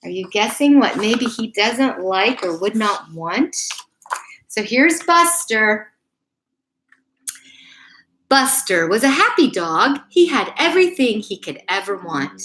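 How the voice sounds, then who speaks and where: On a low-quality recording, a middle-aged or older woman with a fairly high, slightly bright voice reads a bedtime story to young children in a sing-song way. She goes slowly with long pauses, chatting casually and encouraging them directly, perhaps as an elementary school principal or staff storyteller.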